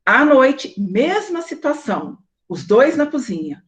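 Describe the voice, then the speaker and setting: A woman with a Brazilian Portuguese accent speaks casually to her audience, her voice sitting a little on the high side. She tells stories in an animated way and slips into acted dialogue. It is a relaxed, chatty host's delivery. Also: slow pace. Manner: animated storytelling, acting out quoted dialogue; married woman recounting daily life. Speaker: host.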